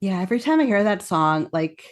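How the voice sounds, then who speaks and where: A woman guest chatting casually on a podcast, animated and emotional, acting out characters' lines and her own reactions as she recaps. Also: medium pitch, brisk. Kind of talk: casual chat recapping a show.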